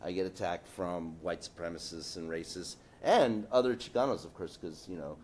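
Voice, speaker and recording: A political cartoonist on a live panel speaks in a deep, slightly mellow voice at a moderate pace, with a little background noise. His casual panel talk rambles, full of fillers and restarts, and he jokes often. The event space holds an audience.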